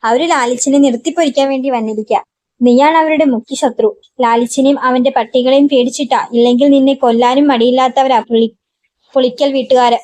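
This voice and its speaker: A woman's voice: high voice, steady tone, a little fast, darkish tone, no room sound, close to an everyday voice. A woman voicing a protective old great-uncle in a read-aloud story, speaking with urgent warning.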